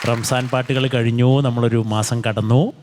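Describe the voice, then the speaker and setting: A man's voice: mid-range voice, steady tone, moderate pace, a crowd in the background, noisy background. A man judging a child singer on a TV talent show, jovial and brotherly, joking to cheer him up. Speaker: judge. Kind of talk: judge's critique on a TV talent show.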